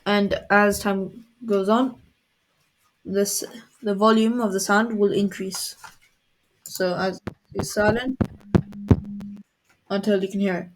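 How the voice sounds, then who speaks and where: A woman in a screen-recorded coding tutorial, speaking in an even, mid-range voice. She explains each button plainly and step by step. Faint mouse clicks sit low in the background. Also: slow, long pauses, slight background noise.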